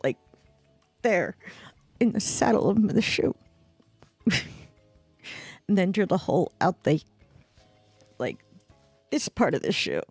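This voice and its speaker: A woman streamer telling a story slowly and casually, with laughs and imitated squeak sounds, from home at a desk mic. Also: sing-song, vocal fry, a little mellow, husky, no room sound, soft background music.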